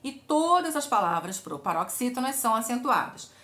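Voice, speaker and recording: Brazilian woman, grammar teacher, somewhat high, bright voice, didactic, echoey room. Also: sing-song, normal speed. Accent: Brazilian Portuguese. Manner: didactic, asks and answers her own questions. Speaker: Portuguese teacher. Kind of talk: exam-prep grammar lesson.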